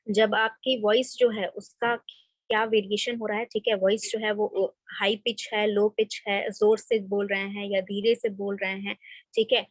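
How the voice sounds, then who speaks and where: A woman's voice: medium pitch, flat delivery, a little slow, no room sound, lo-fi sound. A woman college lecturer teaching an online class, mixing in English and often checking "theek hai". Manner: explains in Hindi mixed with English, often adds "theek hai". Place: home or office desk, online class. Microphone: computer mic, screen share.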